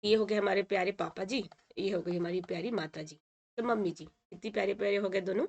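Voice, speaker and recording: A woman teacher from India explains a textbook lesson in Hindi at an even, medium pitch. She repeats each word slowly and checks in frequently with short confirmations, often saying "ठीक है." Her manner is patient and steady.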